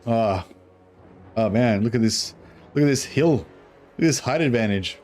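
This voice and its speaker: A man's voice: mid-range voice, animated, normal speed, darkish tone, faint music behind. A man with a broad New Zealand accent giving casual gameplay commentary in a laid-back, sweary, rambling way. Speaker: gaming streamer.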